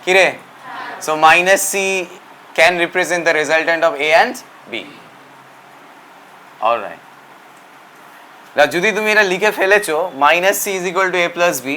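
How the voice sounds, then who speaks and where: Bright high-voiced male physics teacher. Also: steady tone, unhurried, pauses often, slight background noise. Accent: Bengali. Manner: mixes Bengali and English, quizzes students. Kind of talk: classroom lecture.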